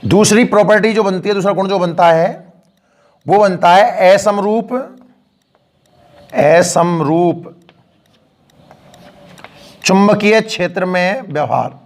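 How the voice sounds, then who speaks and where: A man's voice: sits high, moderate pace. A man teaching a physics lesson to students, often asking them questions and reassuring them as he explains from the board. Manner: addresses students directly with frequent questions and encouragement. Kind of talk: classroom physics lecture. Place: school classroom with a board.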